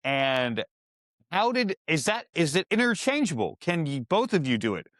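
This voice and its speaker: A man hosting a podcast in a studio, asking questions in a halting way with many fillers and restarts. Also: a little high, big pitch swings, fairly bright tone, no room sound. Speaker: podcast host. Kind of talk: casual podcast interview.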